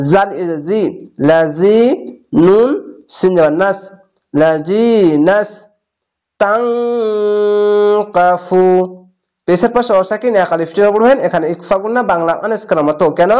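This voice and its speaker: High-voiced man teaching Quran recitation. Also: a little mellow. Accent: Bangladeshi Bengali. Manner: spells syllables slowly, then blends them into words. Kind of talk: step-by-step spelling and recitation lesson.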